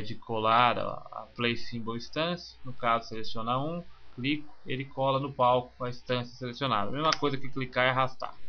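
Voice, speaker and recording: Man talking through a screencast. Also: mid-range voice. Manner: relaxed, talks through each click step by step. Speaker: software instructor. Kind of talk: screencast tutorial. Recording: slightly muffled with faint hiss.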